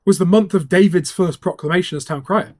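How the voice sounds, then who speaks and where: A man's voice: high-pitched, fairly quick, warm tone, no room sound, studio quality. A man talking casually and jokily as a guest in an interview. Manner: jokey, given to laughter. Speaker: town crier, interview guest.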